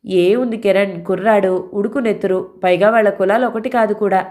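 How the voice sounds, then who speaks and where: A woman's voice: medium pitch, fairly even intonation, a little fast, a little mellow, natural voice. Brief: woman reading a tired, blunt middle-aged cop, matter-of-fact. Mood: weary. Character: middle-aged male police officer, weary and blunt.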